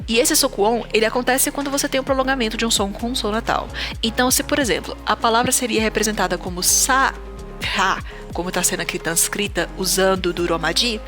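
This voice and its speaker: A woman giving an online language lesson, explaining step by step and saying example sounds slowly and repeatedly. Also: mid-range voice. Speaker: teacher. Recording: faint background music.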